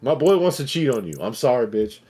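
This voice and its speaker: A man's voice: medium pitch, big pitch swings, a little fast, warm tone, breathy edge. A man in his forties telling long, profane stories in casual chat while he streams a game. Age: 40s. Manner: profane, rambling storyteller who acts out voices.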